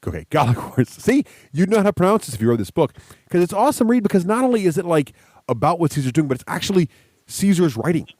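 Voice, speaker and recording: A man's voice: fairly high pitch, very animated, fast, darkish tone, no room sound, studio quality. A man chatting casually and enthusiastically as a podcast host.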